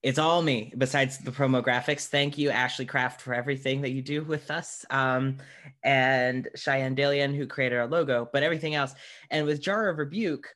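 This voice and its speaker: A podcast host in casual interview chat, this man has a mid-range, fairly bright voice with fairly even intonation at a normal speed. His manner is wry and self-deprecating.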